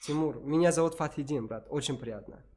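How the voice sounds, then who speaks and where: High-voiced man with a Tajik accent. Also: brisk, darkish tone. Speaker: street-style singer chatting with strangers on video chat. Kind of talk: casual chat.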